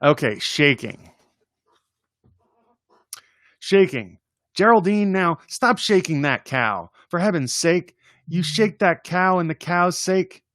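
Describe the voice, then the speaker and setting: This man's voice is high-pitched, very animated and fairly bright, and he reads a little slowly; the recording is dry and studio quality. Hosting story time, he reads humorous kids' poems in a casual, amused way, laughing and chatting between them.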